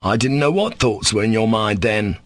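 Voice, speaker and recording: A man's voice: lowish voice, lively intonation, moderate pace, natural voice. A man reading an audiobook, voicing a sickly, resentful male servant who talks coolly and sarcastically. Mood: insolent. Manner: cool, defiant, sarcastic.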